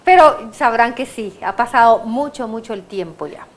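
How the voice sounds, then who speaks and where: A woman from Guatemala with a Guatemalan accent, giving her testimony as an excited, laughing guest who trips over her words. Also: fairly high pitch, moderate pace. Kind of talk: casual interview chat.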